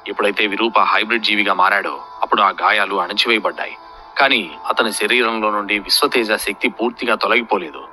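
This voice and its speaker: Male storyteller for a fantasy audiobook serial; low-pitched, steady and dramatic, faint music bed. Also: a little fast. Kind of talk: scripted narration of a fantasy serial.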